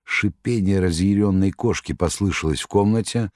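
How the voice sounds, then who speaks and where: A man narrating an audiobook in a measured storytelling manner. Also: low-pitched, a little mellow, no echo, clean studio sound.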